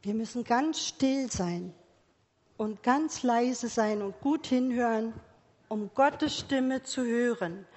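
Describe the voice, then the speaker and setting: A woman preaching a gentle sermon to a congregation with children, asking many quiet questions. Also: on the high side, slow. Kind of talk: slow sermon for church and children. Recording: long reverb of a church hall.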